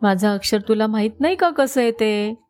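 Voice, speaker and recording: A woman's voice: on the high side, lively intonation, moderate pace, a little mellow, close to an everyday voice. A woman voicing a sly wise man who fakes a sore foot, groaning and drawing out his complaints. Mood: sly complaining.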